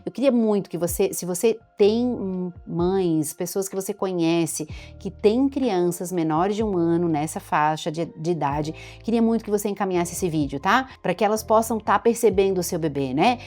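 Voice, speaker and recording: A woman doctor with a Brazilian Portuguese accent, explaining baby development to parents in a chatty, lively way. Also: on the low side, moderate pace, hardly any pauses, faint music behind. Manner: chatty, warm explainer, imitates baby sounds and baby talk. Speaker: doctor giving parenting advice. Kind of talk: explanatory talk to camera.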